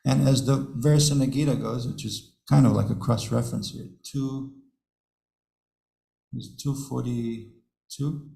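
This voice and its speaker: Slow gravelly man teaching a class. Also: mid-range voice, steady tone, mellow, reverberant, rough recording. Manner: chuckles often, repeats words, talks to the audience. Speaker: speaker giving a scripture class. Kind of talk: devotional class talk with storytelling. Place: temple hall.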